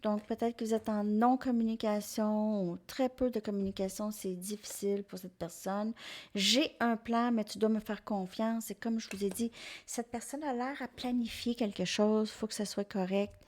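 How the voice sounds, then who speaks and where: A woman's voice: mid-range voice, fairly even intonation, normal speed, a little mellow. A woman with a Québécois French accent doing a tarot card reading for viewers, hesitant, with many fillers and restarts. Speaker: tarot reader.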